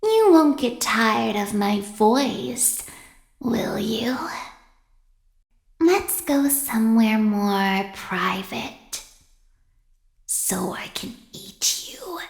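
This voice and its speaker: A woman voicing a sadistic, coldly seductive animatronic in a video game, in a breathy, half-whispered menace. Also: a little high, big pitch swings, drawn-out words, long pauses, reverberant, full character voice. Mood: sadistic, teasing. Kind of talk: video game character acting.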